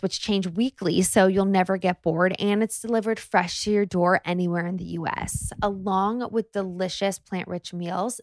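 A woman's voice: lowish voice, no echo, studio quality. A woman in her thirties hosting a podcast, reading ads and interviewing a guest in a bubbly, gushing way. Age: 30s. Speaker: podcast host.

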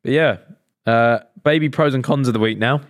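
A man's voice: medium pitch, moderate pace, no room sound, clean studio sound. A young British man co-hosting a casual chat in a laid-back, slangy way. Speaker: co-host.

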